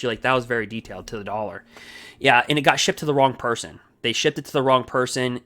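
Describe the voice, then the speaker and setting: A man hosting his own card game channel, talking fast and energetically in a rambling, casual way with many asides. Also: mid-range voice, pushed and bright. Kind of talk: casual solo gameplay commentary. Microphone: desk microphone.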